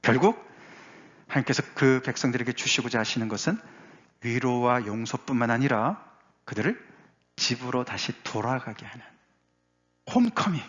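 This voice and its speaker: Emphatic Korean preaching pastor, lo-fi. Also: male voice, fairly bright tone. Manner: emphatic preaching, rising to exclaim then dropping low. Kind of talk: sermon. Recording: dull lo-fi sound.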